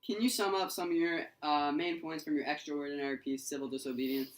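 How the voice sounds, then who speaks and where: A man's voice: on the high side, steady tone, fairly quick, low-quality recording. A young man hosting a mock interview in an amateur school skit, asking questions with hesitant uhs.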